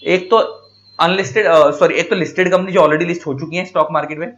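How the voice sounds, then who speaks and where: A man's voice: a little high, fairly even intonation, fast talker, fairly bright tone, lo-fi sound. Hindi-speaking male teacher, quizzing his class. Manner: asks questions and answers them himself; repeats key points, addresses students as beta. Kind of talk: classroom lecture.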